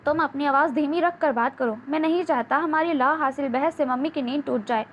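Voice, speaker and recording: A woman's voice: sits high, close to an everyday voice. A woman reading the part of a stern, defensive businessman husband in an audiobook novel, with a curt, lecturing delivery. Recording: dull lo-fi with faint hiss.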